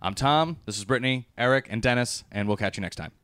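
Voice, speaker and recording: A man's voice: medium pitch, fast talker, fairly bright tone, slight background noise. A man hosting a podcast, chatting casually and laughing often. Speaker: podcast host. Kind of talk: casual chat.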